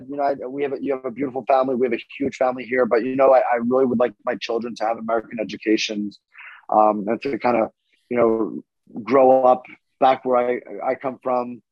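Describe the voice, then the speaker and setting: A man's voice: medium pitch, a little mellow, dry recording. Man, podcast guest, rambling, dry, slightly muffled. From Northeast Philadelphia, born in Paris. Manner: easygoing, rambling, many fillers. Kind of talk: casual interview chat.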